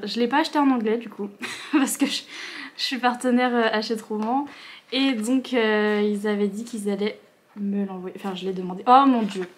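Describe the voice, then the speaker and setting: A young woman filming a casual book unboxing vlog at home, gushing with quick bursts of excitement and a bubbly, chatty manner. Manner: talks to her dog in a higher voice. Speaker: book vlogger.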